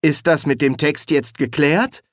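A man's voice: on the high side, unhurried, no echo, clean studio sound, voice pushed up, natural voice. A man voicing an easygoing young male actor who stammers and hedges. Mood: hesitant. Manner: stammering and casual.

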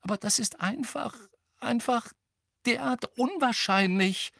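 A man voicing an anxious, clever teenage schoolgirl who pleads and argues in a high, fretful voice. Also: normal speed, fairly bright tone, dry recording, clean studio sound. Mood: worried.

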